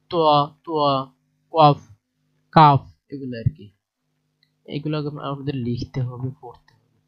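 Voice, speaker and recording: A man with a Bangladeshi Bengali accent teaching a lesson from a textbook. He explains each exercise in plain talk and checks in with his listeners. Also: on the high side. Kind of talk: lesson, reading through a textbook. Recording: dull lo-fi recording.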